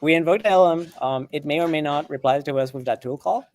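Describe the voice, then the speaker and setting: A non-native English-speaking man co-hosts a live coding stream, explaining in a chatty way full of restarts and fillers, and he laughs often. His voice is fairly high and darkish in tone, at a fairly quick pace.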